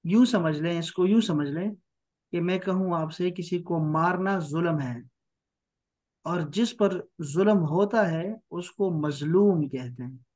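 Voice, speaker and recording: A man's voice: a little high, darkish tone. Patient man teaching Arabic grammar. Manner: patient, repeats key terms slowly. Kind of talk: online grammar class. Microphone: online class mic.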